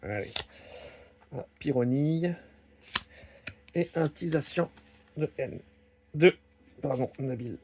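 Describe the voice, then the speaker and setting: A man's voice: fairly high pitch, expressive, noisy background. A man opening trading card packs and chatting casually, reading out each card name as he goes. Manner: slow, musing, lists card names one by one. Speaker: card-opening video host. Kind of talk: casual unboxing commentary. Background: crinkling card wrappers.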